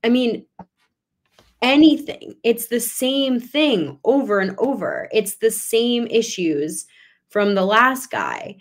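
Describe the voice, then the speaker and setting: A woman's voice: on the high side, takes it slowly. A young woman hosting a sports podcast, talking casually and getting emphatic. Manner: animated, rising emphatic talk. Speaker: podcast host.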